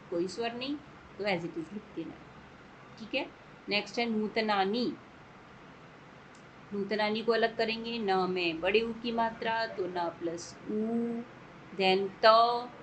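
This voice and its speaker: A woman teacher explains a lesson at a slow, deliberate pace, breaking each word into parts. She talks patiently, repeating herself and asking if it is clear. A faint hiss of room noise sits under her voice. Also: medium pitch, a bit bright, poor audio. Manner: mixes English words into Hindi. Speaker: Sanskrit teacher.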